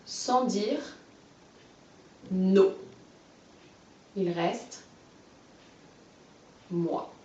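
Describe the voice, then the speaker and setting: A woman teaches a young child phonics, stressing each syllable slowly and clearly and cheering the child on. Her voice sounds far from the mic in a roomy space. The recording is dull and muffled. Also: mid-range voice, darkish tone. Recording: roomy, distant, muffled home video.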